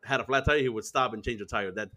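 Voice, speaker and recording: A man's voice: medium pitch, fast talker, bright, forceful tone. A man co-hosting a casual sports podcast, crude and teasing, mocking players and friends. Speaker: podcast co-host.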